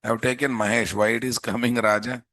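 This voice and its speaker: A man with a Telugu Indian accent teaching a live software class, informally thinking aloud and repeatedly putting questions to students. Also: mid-range voice, level tone, fairly quick, no room sound. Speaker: programming instructor.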